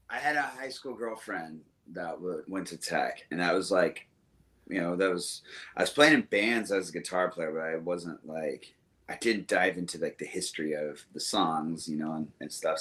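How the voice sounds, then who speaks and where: Man from the American South, very deep voice, rambling casual interview talk, lots of ums. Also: a bit bright. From Southern United States. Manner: rambling, fond, with many fillers and restarts. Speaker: musician guest.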